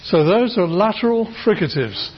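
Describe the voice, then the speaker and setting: A man's voice: sits high, lively intonation, moderate pace, slight background noise. A British man giving a university phonetics lecture, explaining patiently with many fillers and restarts and demonstrating sounds aloud. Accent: British English. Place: lecture room. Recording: dull lo-fi lecture recording.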